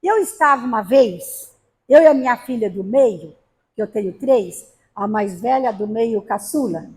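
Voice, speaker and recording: Brief: high-pitched woman lecturer from Brazil, humorous storyteller. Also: animated, a little slow, a little mellow. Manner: storytelling with acted quotes and humor. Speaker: spiritist lecturer. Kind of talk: spiritist talk to a gathering. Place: spiritist center hall.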